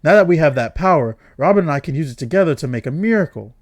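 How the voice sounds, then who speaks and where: A man's voice: fairly high pitch, expressive, fast talker, no echo, close to an everyday voice. A man reading the lines of an eager young female trainer from a fan-made game, in his own voice.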